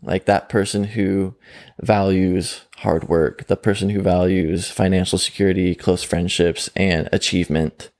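A man's voice: sits low, little pitch movement, unhurried, a little mellow. A young man, a mental performance coach, talking easily in an interview, laughing often and filling with likes and ums. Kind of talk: conversational interview.

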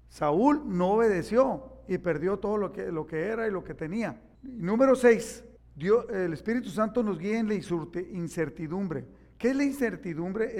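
A middle-aged man, preaching a sermon as pastor and acting out the voices in his stories. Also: high-pitched. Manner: animated storytelling, acting out quoted voices.

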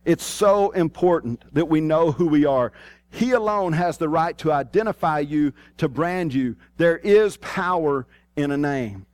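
A man preaches a sermon in a Southern US hillbilly accent with a country twang, plain-spoken and folksy, repeating key phrases for emphasis. His voice is a little high, a little slow and mellow, and expressive. The recording is dry.

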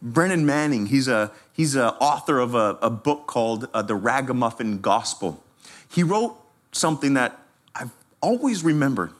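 A man, a pastor giving a sermon with personal stories in a conversational, animated way. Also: mid-range voice, moderate pace. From Canada. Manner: animated, conversational, laughs while telling stories.

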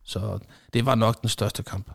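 A middle-aged man, a former football referee, telling lively anecdotes in conversation and acting out what people said. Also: fairly low pitch, gravelly. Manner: animated storyteller acting out quoted exchanges.

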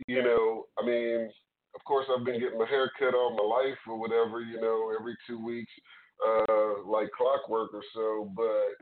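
A man's voice: on the low side, little pitch movement, normal speed, crowd noise. A male radio talk show host who is upbeat and chatty and laughs easily while interviewing a guest. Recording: narrow lo-fi radio sound.

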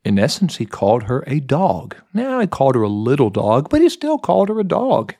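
A man teaching a Bible lesson in an animated, expressive way, speeding up and slowing down for emphasis. His voice has a middle pitch. It is recorded close and dry, with no echo. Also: slightly rough. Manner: animated, shifts pace for emphasis, acts out quotes. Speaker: Bible lesson podcast host.

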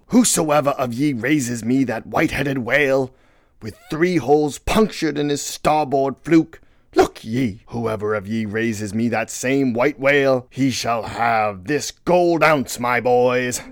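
A man's voice: medium pitch, measured pace, dry recording, studio quality, pitched above the performer's own voice, natural voice. A man voicing a vengeful, domineering old sea captain in a dramatic novel reading, with grandiose, archaic seafaring speech. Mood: rousing.

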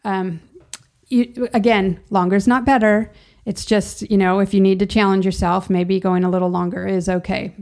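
Casting: female vlogger, noticeably gravelly fry, mid-pitched, casual and rambling, talks as if thinking aloud. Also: little pitch movement, moderate pace, darkish tone. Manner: chatty, rambling, self-interrupting. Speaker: vlogger sharing personal experience. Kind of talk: casual informal monologue.

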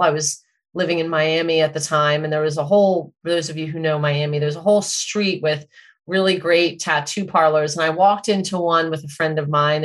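Middle-aged woman, lowish voice, thoughtful podcast host musing out loud. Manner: measured, thoughtful, self-questioning. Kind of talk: reflective personal storytelling.

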